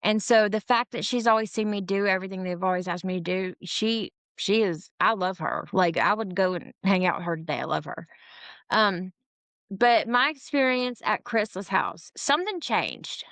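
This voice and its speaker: A woman's voice: medium pitch, expressive, moderate pace, a bit bright, no room sound. A woman in her forties, an interview guest, telling her own story in a frank, casual way, laughing often and swearing freely. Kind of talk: candid personal storytelling.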